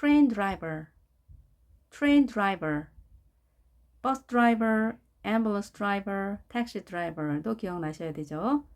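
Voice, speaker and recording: A woman teaching English pronunciation of job names, slowly repeating each word with careful stress. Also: medium pitch, animated. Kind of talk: pronunciation lesson.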